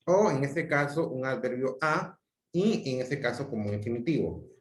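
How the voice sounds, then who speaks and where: A man's voice: medium pitch, expressive, moderate pace. Man, grammar teacher, video call class, echoey room, restarts and self-corrects. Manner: explanatory, repeats himself and self-corrects often. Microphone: video call mic.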